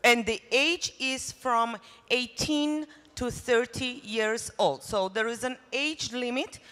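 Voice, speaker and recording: A woman's voice: on the high side, slow, pushed and bright. A woman from Armenia presenting at a conference in English, friendly and speaking directly to the audience. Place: conference hall. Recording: reverberant hall.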